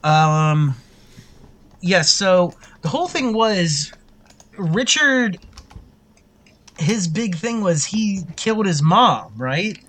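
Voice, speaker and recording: Bright, laid-back voice on a podcast. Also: medium pitch, lively intonation, drawn-out words, long pauses. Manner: laid-back, slangy, jokey. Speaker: podcast co-host. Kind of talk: casual chat.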